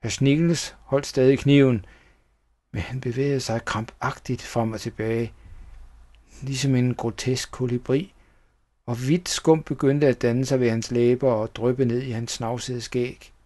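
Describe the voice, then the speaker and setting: A man narrating a children's horror tale, reading at a steady, even storytelling pace. His delivery is plain, with no showy effects. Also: medium pitch.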